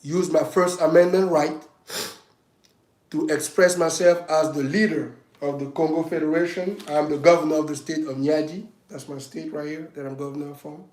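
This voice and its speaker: A man's voice: a little high, fairly even intonation, moderate pace, a little mellow, echoey room, low-quality recording. A man giving a heated, emphatic political monologue on a livestream, with frequent restarts as he presses his points. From Africa. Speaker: self-styled state governor giving political commentary.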